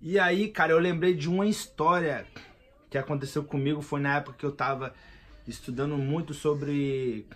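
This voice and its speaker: His fairly bright voice is on the high side, with fairly even intonation and a moderate pace. He's a man in his thirties with a Brazilian Portuguese accent, rambling through a casual vlog monologue packed with slang and emphasis.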